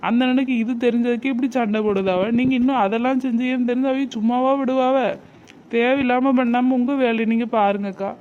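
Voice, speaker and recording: A woman's voice: on the high side, steady tone, quick pace, a little mellow, lo-fi sound, natural voice. A woman voicing a soothing young friend in a cartoon, speaking reassuringly. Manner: reassuring, pleading.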